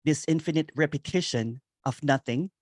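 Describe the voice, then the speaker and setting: A man giving a meditative spiritual reflection on nonduality, repeating phrases and chuckling softly now and then. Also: on the high side, normal speed, dry recording, studio quality. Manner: meditative, repetitive, with soft chuckles. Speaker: nonduality speaker. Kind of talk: slow spoken spiritual reflection.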